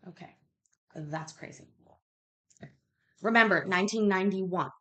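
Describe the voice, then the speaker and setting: Speaking at a slightly slow pace, this thirty-something woman has a bright, forceful, medium-pitched voice. She runs a relaxed online quiz stream, reading out questions and talking frankly, with swearing and self-interruptions.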